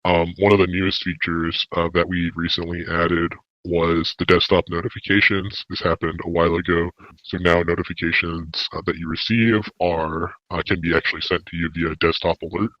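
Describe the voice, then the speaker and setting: Male developer guest, voice run through a low pitch-shifting changer; steady, filler-heavy explaining, muffled dry recording. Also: moderate pace, dry recording. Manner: even, steady explaining with many filler uhs. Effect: deep pitch-shifting voice changer. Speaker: lead developer guest on a podcast. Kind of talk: casual podcast update.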